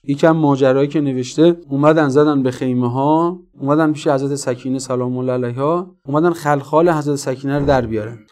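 A man delivering a religious sermon in a fairly high voice. He speaks to the crowd directly and with passion. He keeps rising into loud, pressing rhetorical questions. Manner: addresses the audience directly. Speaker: preacher.

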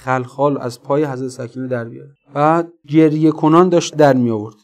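A man preaching a religious sermon. He speaks with passion, addresses his listeners directly and builds to loud rhetorical questions. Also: mid-range voice, steady tone.

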